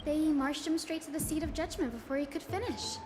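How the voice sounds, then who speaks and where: A woman's voice: sits high, a little fast, background noise, natural voice. An actress voicing a cheerful young woman scholar in a game, telling stories and mimicking quoted critics. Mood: explaining. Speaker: game character. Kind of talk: game voice acting. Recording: game audio over music, long reverb.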